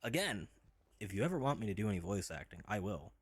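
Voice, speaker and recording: Lively low-voiced man streaming. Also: fast talker, slightly rough, no room sound. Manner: chatty, laughs easily, bursts into silly voices. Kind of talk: casual live-stream chat.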